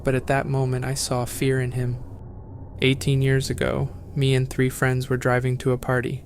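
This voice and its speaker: A man reading first-person horror stories aloud as scripted narration, in a flat, even reading. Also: medium pitch, normal speed, slight background noise.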